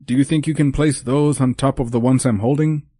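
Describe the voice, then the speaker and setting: A man voicing a small, brisk, cheerful male elf in an audiobook, with a chirpy, bossy manner. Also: medium pitch, fairly even intonation, dark tone, breathy edge, no room sound, studio quality, voice pushed up, close to an everyday voice. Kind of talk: audiobook character voice.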